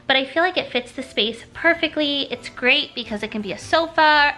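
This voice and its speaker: Sharp-toned and high-pitched, a woman hosts an informal home decor vlog with upbeat chatter. She's sick, and her voice sounds congested and nasal.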